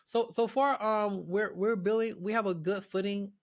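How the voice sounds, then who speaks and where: Halting, repetitive higher-pitched man. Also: steady tone. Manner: repeats words, many restarts and ums. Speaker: guest, real estate platform founder. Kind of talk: casual interview talk.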